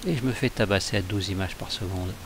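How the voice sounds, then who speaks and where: Lower-voiced man muttering over humming noise. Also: quick pace. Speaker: flight simulator pilot narrating his flight. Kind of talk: casual running commentary. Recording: clearly noisy, humming background.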